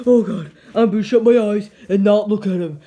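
A man's voice: high-pitched, normal speed, dark tone, a little hiss or hum, natural voice. A man voicing a whiny, childish little shark toy in an amateur puppet show. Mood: panicked.

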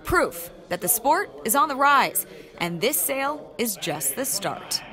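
An upbeat woman reporter with a lively, sing-song delivery and a fairly high voice. She presents a broadcast feature and quizzes her guests with a playful edge. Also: a little slow.

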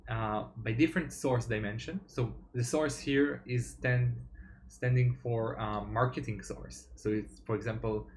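A man's voice: medium pitch, steady tone, unhurried, slight background noise. Young man, developer, tech talk presentation, methodical, filler-heavy, video call from home. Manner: plain, methodical explaining with frequent "uh" fillers. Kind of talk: explanatory presentation over slides.

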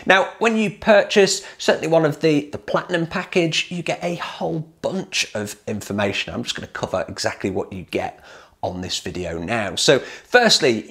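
A man in his forties, talking straight to camera and pitching his hot tub building plans with upbeat energy. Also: a bit bright. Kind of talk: direct-to-camera promo talk.

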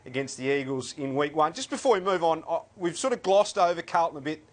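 A man with an Australian accent hosting a football show, brisk and lightly joking. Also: on the high side. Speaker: sports show host. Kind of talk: casual sports chat.

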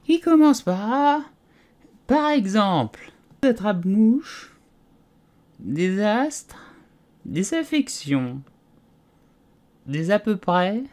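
A man voicing a sleepy male dormouse in a storybook, with a faint, hoarse voice and a slow, drawn-out way of talking. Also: high voice, sing-song, a little mellow, voice pushed up, heavily acted. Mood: drowsy. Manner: drowsy, drawn-out.

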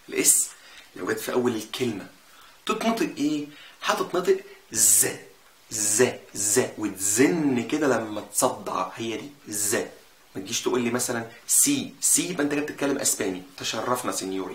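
Fast-talking Egyptian teacher, echoey room. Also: male voice, mid-range voice. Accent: Egyptian Arabic. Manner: lively, repeats sounds slowly to demonstrate. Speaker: German language teacher. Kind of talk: casual explanatory lesson. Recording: echoey room with faint noise.

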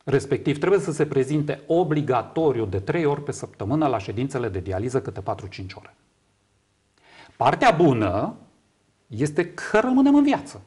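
A man's voice: mid-range voice, big pitch swings, darkish tone, husky. A man in his fifties from Romania, explaining things emphatically as a guest in a studio interview. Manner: emphatic, repeats words for agreement. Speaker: interview guest, kidney patient advocate. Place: small TV studio, indoors. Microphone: lapel mic.

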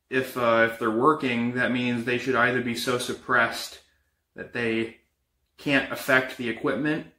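A young man playing an uneasy paranormal investigator in a found footage horror film, talking in a halting, casual, improvised way. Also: medium pitch, sharp tone. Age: young adult. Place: indoors, bedroom and kitchen. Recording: echoey room, amateur camera audio.

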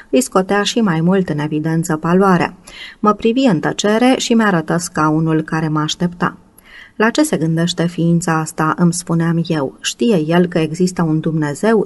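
A woman narrating a classic novel as an audiobook, reading slowly and in a measured way. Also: on the low side, dry recording. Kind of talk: scripted narration.

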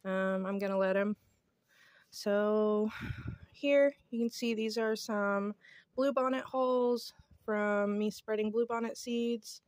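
Her voice is mid-range, slow and fairly even, darkish in tone, with clean, studio-like sound and no echo. She's a thirtysomething homestead vlogger talking casually through a how-to on her porch outdoors, phone held in hand or at arm's length.

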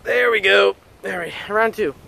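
High-voiced young man vlogging, some background noise. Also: measured pace, gravelly, sharp tone, rough recording. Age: 20s. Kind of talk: casual vlog chat to viewers. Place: mostly outdoors in a yard and driveway. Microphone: camera on selfie stick at arm's length. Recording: outdoor noise, handheld camera.

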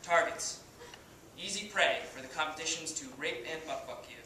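A man's voice: fairly high pitch, bright, forceful tone. Young man acting cocky ballplayer's echoey pep speech. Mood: solemn, grandiose. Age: young adult. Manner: declamatory, swaggering, deliberate pauses. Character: cocky, foul-mouthed male baseball star rallying his team. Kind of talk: halftime pep speech, audition monologue. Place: indoor hall, stage area, far camera. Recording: distant, very echoey room, faint noise.

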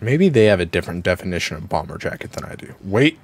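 Low-pitched and very animated, a man talks fast while streaming a video game from home. His casual commentary rambles along, chatty and full of "like" and "um."

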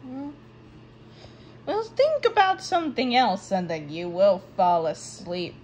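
A woman voicing a small, gentle young cartoon character who talks in a soothing, tender bedtime manner. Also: mid-range voice, expressive, slow, noisy background. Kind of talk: animated children's show voice acting.

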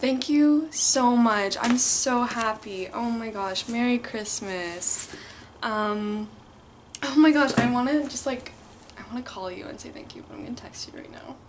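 A woman's voice: on the high side, measured pace, a little hiss or hum. A young woman vlogging casually from home, chatty and gushing. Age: young adult. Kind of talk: casual reading vlog chat.

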